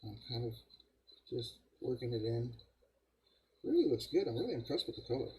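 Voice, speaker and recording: A man's voice: mid-range voice, sing-song, moderate pace, a little mellow, slight background noise, low-quality recording. An older man hosting a live model-building stream, rambling casually to viewers and chuckling at himself. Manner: rambling, self-deprecating, chuckles often, talks to viewers as guys.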